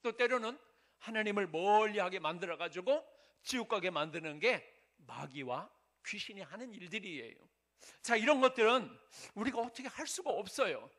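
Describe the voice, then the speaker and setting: A man's voice: high voice, very animated, moderate pace, a bit bright. A male pastor giving a sermon in an earnest, conversational way, asking the congregation rhetorical questions. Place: church sanctuary.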